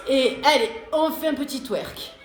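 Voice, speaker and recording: A high-voiced woman leads a live home ab workout, unhurried and chatty, joking between her exercise cues. Her voice rings around a roomy space with workout music playing behind. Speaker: fitness coach. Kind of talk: live workout coaching while reading chat.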